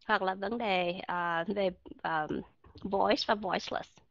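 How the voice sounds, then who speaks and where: A woman's voice: mid-range voice, fairly even intonation, slow pace, creaky, no room sound, lo-fi sound. A woman teaching English pronunciation in an online lesson, explaining patiently with many fillers and checking that her students understand. Her first language is Vietnamese.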